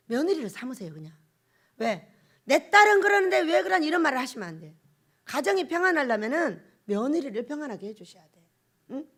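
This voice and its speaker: High, lively middle-aged woman preacher. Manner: lively storytelling, acts out family quarrels, laughs often. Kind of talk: sermon with personal stories.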